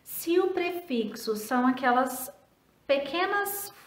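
A woman's voice: high-pitched, expressive, slow, echoey room. A Brazilian woman teacher giving a recorded lesson to children, speaking patiently, spelling out letters and syllables and answering her own questions. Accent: Brazilian Portuguese. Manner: asks questions and answers them herself.

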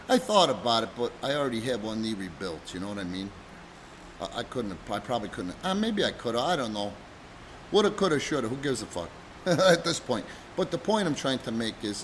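A man's voice: medium pitch, slight background noise, poor audio. A middle-aged man co-hosting a casual chat, telling stories in a profane, rambling way. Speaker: podcast co-host, wrestling promoter.

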